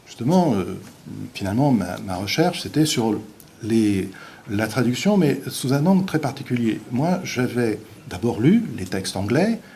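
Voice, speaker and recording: A middle-aged man, a visiting professor, giving an academic lecture in a halting, hesitant way with dry, wry asides. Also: mid-range voice, warm tone, slight background noise. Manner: hesitant, halting delivery with many pauses.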